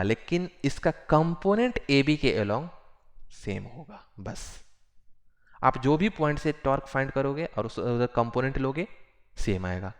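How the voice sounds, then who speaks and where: A male physics teacher giving a classroom lecture, repeating phrases slowly and mixing Hindi with English. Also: medium pitch.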